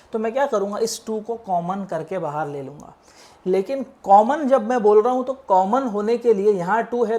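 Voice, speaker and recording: A man's voice: sits high, a little mellow. Patient man teaching maths step by step. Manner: explains patiently, keeps checking in with students; mixes English math terms into spoken Hindi. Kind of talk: step-by-step lecture on worked problems.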